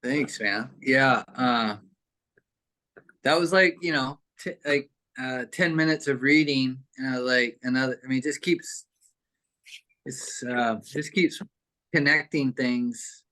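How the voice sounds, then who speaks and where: A man in a video call group rambles casually through a story from his childhood, full of fillers and restarts. His voice is mid-range with a sharp tone, and he speaks slowly.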